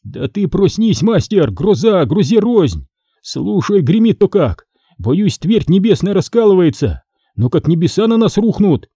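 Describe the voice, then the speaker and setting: A man reads the part of a scared young apprentice, anxious and pleading, his voice pitched up high. The reading rises and falls a lot and stays dry and close. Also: very animated, measured pace, warm tone, husky, dry recording, exaggerated voice. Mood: frightened. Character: frightened, superstitious young male apprentice.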